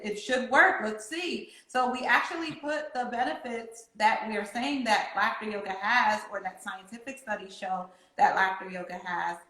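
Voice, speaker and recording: A woman, a laughter yoga teacher, speaks earnestly in a casual chat, often pausing and restarting. Her voice rings with a roomy echo. Her pitch sits in the middle. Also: fairly bright tone.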